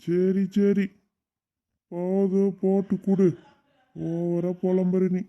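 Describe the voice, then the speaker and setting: A woman voicing a grumbling, stingy old grandfather with a southern Tamil Nadu accent, bossy and gruff. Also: mid-range voice, little pitch movement, slow, highs cut off, pitched below the performer's own voice.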